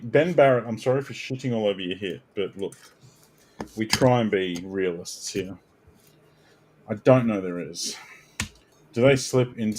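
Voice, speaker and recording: A man hosting a card break, chatting casually and bursting out loudly as he calls out the cards he pulls. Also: lowish voice, a little hiss or hum. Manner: animated, bursts out loudly calling card names. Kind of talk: casual live card-opening chat.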